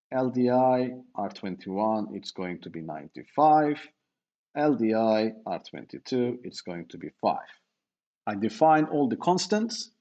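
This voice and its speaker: A man's voice: medium pitch, a little mellow, dull audio. A middle-aged man giving a university lecture, explaining step by step with fillers and self-corrections.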